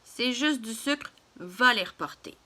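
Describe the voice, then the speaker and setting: A woman voicing a firm, patient father who speaks slowly. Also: on the high side, animated, bright, forceful tone. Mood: scolding. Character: patient strict father, adult man.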